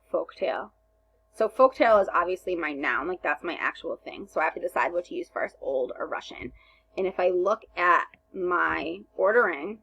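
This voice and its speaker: Woman teacher, husky and lowish, explains step by step with plenty of "um"s. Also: rough recording. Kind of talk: recorded remote lesson walkthrough.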